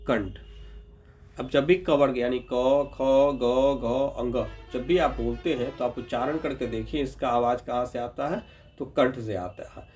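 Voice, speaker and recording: A man teaching a grammar lesson, patiently sounding out letters and checking in with his students. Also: medium pitch. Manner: patient, repeats sounds slowly, checks in with "ठीक है"; addresses viewers as "Babu". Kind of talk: explanatory lesson.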